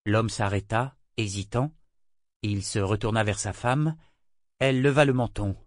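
A man's voice: fairly low pitch, no room sound. Man narrating an audiobook, dry close sound. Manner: measured, even storytelling.

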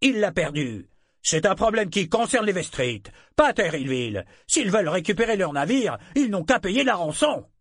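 A man's voice: high-pitched, big pitch swings, normal speed, fairly bright tone, breathy edge, dry recording, studio quality, pitched above the performer's own voice, heavily acted. A man voicing a callous merchant heckling from the crowd. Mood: dismissive. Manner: dismissive heckling.

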